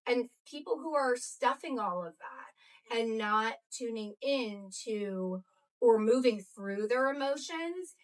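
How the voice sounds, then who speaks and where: A woman's voice: a little high, slow pace, far from the mic. A woman co-hosting a casual wellness podcast chat, talking earnestly and repeating phrases for emphasis. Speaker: podcast co-host.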